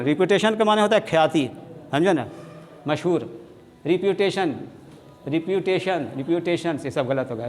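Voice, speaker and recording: A man's voice: fairly high pitch, darkish tone, big-room sound. A man with a Bihari Hindi accent teaching an English spelling lesson, saying each word several times and spelling it out letter by letter.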